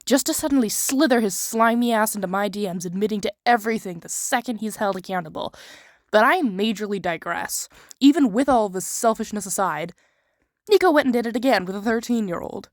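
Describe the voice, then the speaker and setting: A woman's voice: mid-range voice, expressive, a little fast, no echo, clean studio sound. A woman hosting a commentary channel, narrating in a blunt, scornful way.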